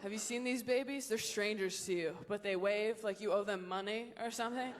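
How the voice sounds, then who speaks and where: A woman's voice: medium pitch, fairly quick, slight background noise. A young woman doing live stand-up comedy, sardonic and self-deprecating, acting out quoted voices. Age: young adult. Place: comedy stage before a live audience.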